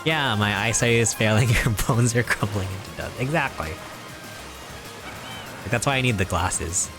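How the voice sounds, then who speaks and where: A young man with a somewhat low voice talks casually on a live stream while he plays, rambling through mock-serious jokes and chuckling along the way. Game music plays clearly in the background. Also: moderate pace. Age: 20s.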